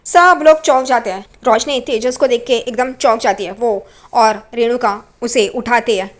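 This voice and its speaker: A woman casually retelling a TV serial episode in an animated, vivid way. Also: fairly high pitch, moderate pace. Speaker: TV serial recap narrator. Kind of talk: casual storytelling recap.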